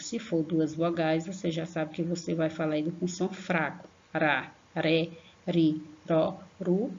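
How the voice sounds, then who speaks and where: A Brazilian woman teaching an online grammar lesson to young children, affectionate, slowly spelling out syllables and checking in with a questioning "tá?". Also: deep voice, vocal fry, a little mellow. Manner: affectionate, tags sentences with a questioning "tá?"; slow, emphatic spelling-out of syllables. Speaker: primary school teacher. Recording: lo-fi online class recording.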